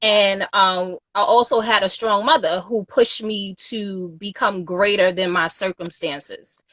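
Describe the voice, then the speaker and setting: A woman's voice: mid-range voice, fairly even intonation, unhurried, sharp tone, no echo. A woman from Queens, a guest on a casual livestream interview, talking earnestly with many "you know"s. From Queens, New York. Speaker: guest, youth nonprofit founder.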